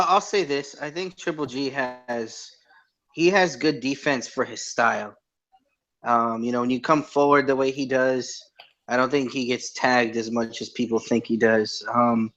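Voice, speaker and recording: A man co-hosting a live boxing talk show over a video call, relaxed and agreeable, giving his take on fighters. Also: mid-range voice. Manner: relaxed, agreeable, quick affirmations. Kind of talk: casual live-stream discussion. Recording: muffled lo-fi call audio.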